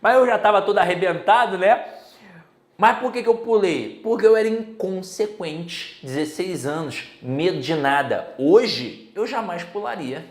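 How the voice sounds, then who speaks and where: Lively Brazilian man teaching Portuguese. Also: sits high, measured pace, echoey room. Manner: chatty and animated, tells personal stories. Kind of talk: casual exam-prep lesson.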